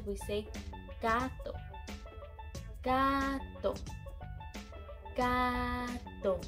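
A woman in her thirties giving a simple children's language lesson, encouraging as if talking to a toddler. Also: a little high. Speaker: bilingual teacher for toddlers. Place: small room indoors.

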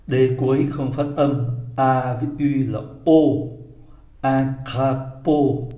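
A man teaching French vocabulary to learners, repeating each word slowly and explaining how it is spelled and pronounced. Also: medium pitch, mellow. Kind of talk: slow vocabulary drill lesson. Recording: echoey room.

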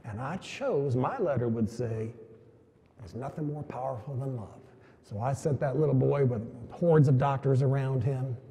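A man's voice: medium pitch, dark tone, slightly rough. A man giving a motivational keynote, telling a story with emphatic lines and quoted dialogue. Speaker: keynote speaker. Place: large conference hall. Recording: long hall reverb from a venue PA.

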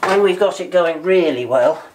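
An older man who volunteers as a boat engineer explains things practically and chattily while working in the engine room of a steam tug. His voice is a little high at a moderate pace, and the indoor recording is noisy with the engine room.

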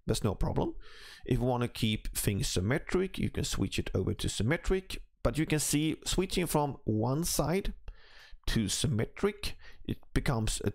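A man with a gravelly, slightly rough morning voice walks through a screen-recorded design tutorial. He explains each step in a relaxed, matter-of-fact way, with mouse clicks behind him. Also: medium pitch. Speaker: CAD instructor.

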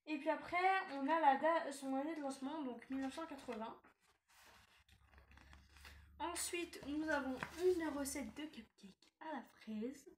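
Woman, high bright voice, chatty and halting, echoey room with a bit of hiss. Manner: chatty, hesitant, many fillers. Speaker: collector reviewing a doll magazine. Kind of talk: casual unboxing review. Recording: echoey room, faint noise.

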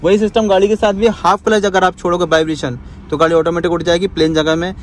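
A high-voiced man teaches driving from the passenger seat, repeating each instruction and checking in with a quick "okay" after it. The faint hum of the car and the street sits behind his voice. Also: little pitch movement. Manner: instructive, repeats commands, tags lines with "ठीक है". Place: inside a car on the road.

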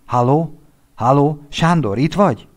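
A shaken, freshly woken writer barking short, clipped exclamations in a somewhat low voice. He sounds jolted out of sleep, as a male narrator acts him out in a literary audiobook. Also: sing-song, darkish tone, breathy edge, heavily acted. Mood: urgent. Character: startled writer, just woken, shaken and urgent.

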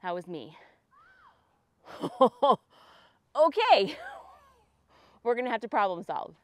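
A woman's voice: on the high side, takes it slowly, no room sound. Dramatic woman joking at a campsite. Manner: chatty, dramatic, swinging from hushed to excited. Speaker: comedy sketch host. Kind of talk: comedic sketch monologue to camera. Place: forest campsite outdoors. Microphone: lapel mic.

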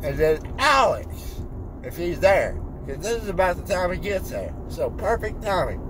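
Still loopy from wisdom teeth surgery, a teenage boy of fifteen keeps repeating himself, insistent and unfiltered, while chatting casually in a noisy car. His high-sitting voice swings widely in pitch at a normal speed.

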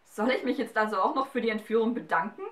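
Eine Frau spricht ein uraltes, schnippisches Hexenmädchen mit spitzer, sarkastischer Art. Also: female voice, on the high side, expressive, moderate pace, a bit bright, roomy sound. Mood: spöttisch. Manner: snappy, sarcastic. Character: defiant half-witch girl, centuries old, sharp-tongued.

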